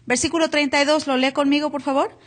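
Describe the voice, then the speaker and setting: High-voiced woman pastor preaching live. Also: fairly even intonation, fast talker. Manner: asks the congregation to repeat words aloud. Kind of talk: sermon. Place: church hall, captured live.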